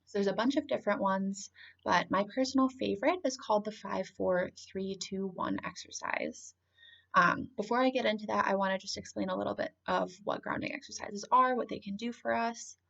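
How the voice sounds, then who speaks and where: A woman calmly explaining and guiding a grounding exercise in an informal, conversational way. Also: mid-range voice, a little fast, creaky, highs cut off. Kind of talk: informal spoken lesson, calm grounding exercise.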